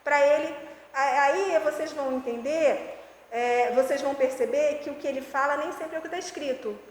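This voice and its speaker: High-voiced woman in an echoey room. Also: moderate pace. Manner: animated, gives teaching tips with examples. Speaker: educational psychologist guest. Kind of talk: casual explanatory chat. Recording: echoey room with faint noise.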